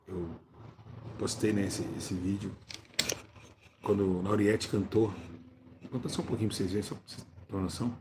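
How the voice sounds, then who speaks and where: A man's voice: lowish voice, fairly even intonation, brisk, long pauses, background noise. A preacher, a man, talking to his viewers and calling out over a church video he plays. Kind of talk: religious teaching video. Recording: loud music behind voice.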